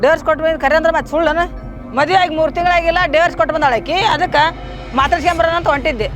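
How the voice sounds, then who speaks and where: A woman's voice: high-pitched, racing, faint music behind, lightly acted. A woman playing a gossiping old village grandmother, insistent, with a North Karnataka Kannada accent. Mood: gossipy. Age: older. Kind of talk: short film acting.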